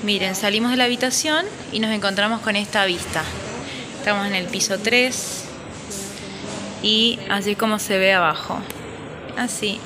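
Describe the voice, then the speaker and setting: A woman's voice: mid-range voice, fairly even intonation, normal speed, long pauses. A young woman with an Argentine accent from Entre Ríos, chatting upbeat as she vlogs on a phone. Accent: Argentine Spanish. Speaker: vlogger. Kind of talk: casual vlog. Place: busy hostel common area indoors. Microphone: handheld phone camera. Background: crowd chatter.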